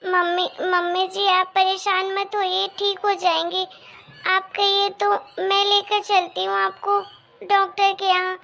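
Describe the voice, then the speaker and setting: Woman doing a sweet worried young bahu, super high voice, cartoon story. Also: completely flat delivery, unhurried, creaky, pushed and bright, slight background noise, exaggerated voice. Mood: anxious. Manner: polite and worried. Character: young dutiful daughter-in-law.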